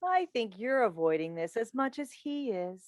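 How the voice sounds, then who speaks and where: A woman with a slightly high voice and big pitch swings speaks at a moderate pace, reading a part in a staged play: a chatty, coaxing radio call-in host and doting, meddling mother. She plays it emphatically and theatrically, in a coaxing, teasing mood. Though recorded indoors over a video call, the sound has no echo and studio quality.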